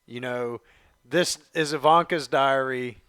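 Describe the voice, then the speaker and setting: A man's voice: mid-range voice, slow pace, fairly bright tone, clear, resonant tone, no echo. A man co-hosting a casual political discussion podcast, rambling with lots of fillers. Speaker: podcast co-host.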